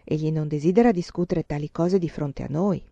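A woman voicing a calm, measured uncle who explains things in a level tone. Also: mid-range voice, no room sound, muffled recording, close to an everyday voice.

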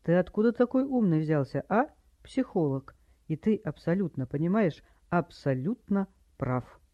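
A man's voice: high voice, animated, moderate pace, no echo. A man reading an audiobook, voicing a drunk, maudlin widower who rambles plaintively, in a dry, slightly dull recording.

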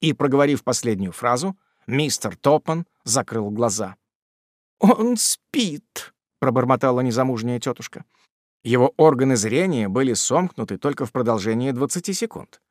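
A man narrating a classic novel as an audiobook in an expressive storytelling manner. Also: mid-range voice, brisk, no room sound, studio quality.

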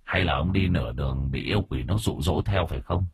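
A man voicing a stern young exorcist who questions a spirit slowly and coldly. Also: very deep voice, lively intonation, slightly rough, no room sound, studio quality, pitched below the performer's own voice, full character voice. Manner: slow, stern interrogation. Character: stern young male exorcist, cold and commanding.

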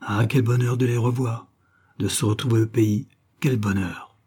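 A man's voice: mid-range voice, steady tone, normal speed, darkish tone, breathy edge, natural voice. A man voicing an eager young army captain in an audiobook, emotional about returning home.

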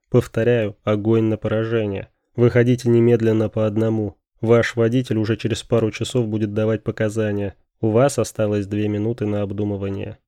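A man's voice: fairly low pitch, warm tone, dry recording, studio quality, natural voice. A man voicing a male police negotiator making firm, authoritative announcements.

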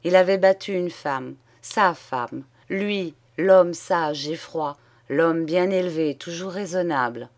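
A woman reading a classic short story aloud in a measured, deliberate way. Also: lowish voice. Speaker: audiobook reader. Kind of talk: literary narration.

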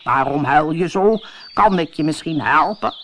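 A woman voicing a gentle, patient male frog in a storybook reading, slow and coaxing. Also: sits low, expressive.

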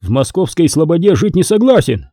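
A man's voice: fairly high pitch, big pitch swings, brisk, warm tone, no echo, clean studio sound, voice pushed up. A male narrator voicing a curt, commanding medieval nobleman giving orders to peasants in an audiobook. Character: stern commanding medieval boyar man.

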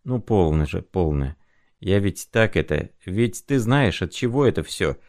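A man voicing a tender, excitable young clerk. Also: low-pitched, measured pace, no room sound, clean studio sound.

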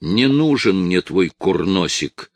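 A man voicing a desperate, tearful eighteen-year-old male addict who shouts and pleads with his father, in a dry, close recording. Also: low-pitched, animated, slow, no echo, exaggerated voice. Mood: agitated.

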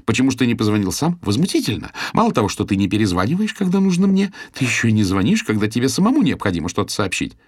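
A man's voice: mid-range voice, very animated, husky, no echo, clean studio sound, pitched above the performer's own voice. A man reading an audiobook and voicing a bossy, indignant young woman with a raised, emphatic voice. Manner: raised, emphatic, quick in scolding.

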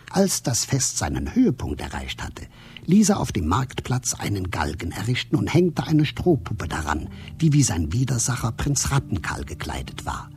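Low-voiced fairy-tale narrator, a man. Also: vocal fry, slight background noise. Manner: storytelling, expressive.

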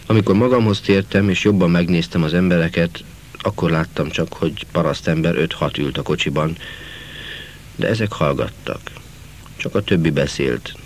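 Deep-voiced man reading a novel. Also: slight background noise. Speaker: audiobook narrator. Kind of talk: literary audiobook narration.

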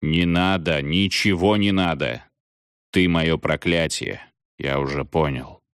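A man reading an audiobook voices a weary, gruff one-eyed ghost ship captain, exasperated and shouting people away. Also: extremely low pitch, slow pace, no echo, studio quality, heavily acted.

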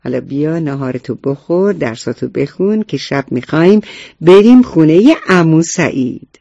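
A man voicing a gentle, affectionate mother in a children's story reading. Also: on the high side, animated, vocal fry, no room sound. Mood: tender. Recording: dull, muffled recording.

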